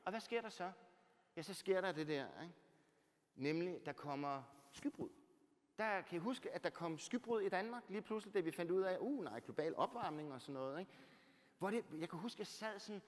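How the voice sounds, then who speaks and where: Man, author, storytelling talk, fairly high voice, big swings from loud to hushed, long church echo. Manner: animated, swinging from loud bursts to near-whispers; rhetorical, keeps adding "right?".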